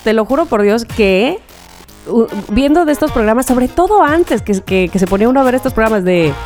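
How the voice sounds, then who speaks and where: A woman's voice: fairly high pitch, lively intonation, fairly quick, darkish tone, faint music behind. A woman, co-hosting a casual chat and filling it with frequent little agreeing sounds. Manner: chatty, frequent ujú and ajá backchannels. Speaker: co-host.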